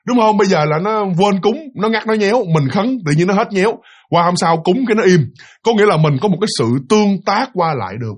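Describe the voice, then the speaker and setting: Southern Vietnamese male storyteller, chatty and animated, slightly high pitch. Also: fast talker. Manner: chatty, addresses listeners, many restarts. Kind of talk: retelling a listener's spirit story.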